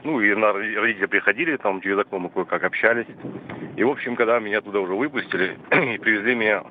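A male caller from southern Russia tells a personal story casually. He talks fast in a lowish voice over a tinny phone line with faint noise. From Krasnodar, southern Russia. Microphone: phone call.

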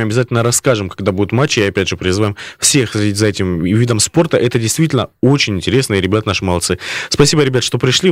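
A man's voice: lowish voice, dry recording, studio quality. A man hosting a conversational radio interview, putting long, wordy questions to his guests. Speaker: radio host. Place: radio studio.

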